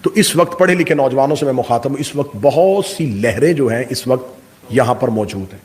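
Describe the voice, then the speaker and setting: A male Shia cleric giving a majlis sermon, oratorical and full of rhetorical questions, swinging from loud peaks to hushed asides. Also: medium pitch, lively intonation. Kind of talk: majlis sermon to a live congregation.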